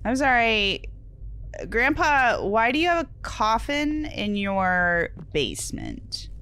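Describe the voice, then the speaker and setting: A woman's voice: medium pitch, sing-song, takes it slowly, fairly bright tone, clean tone. A young woman playing a horror game, talking to herself nervously, swearing, and dropping to whispers when scared. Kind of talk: let's play commentary.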